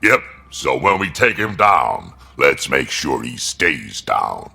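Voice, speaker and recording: Resolute in mood, this video game alien warrior is a battle-hardened male with a rock-bottom, gravelly, forceful voice. He clips his words in blunt, ruthless, soldierly fashion, yet speaks slowly in an exaggerated, sing-song way.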